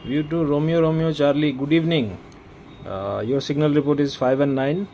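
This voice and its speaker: A man with a Bengali Indian accent chats casually as an amateur radio operator, working English phrases and radio procedure into his talk. His voice is a little high, gravelly and darkish, very slow and expressive, with slight background noise.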